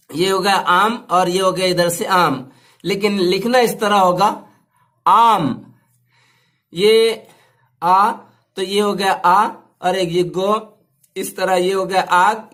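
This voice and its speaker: A male teacher, slowly spelling out words and repeating each sound for his students. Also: high voice, a bit bright. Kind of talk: slow step-by-step language lesson.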